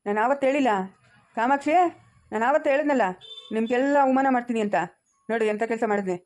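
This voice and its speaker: A woman's voice: fairly high pitch, fast talker, a little mellow, natural voice. A woman playing a gloating, shameless father. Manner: taunting, gloating. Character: defiant shameless middle-aged father. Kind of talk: amateur family drama.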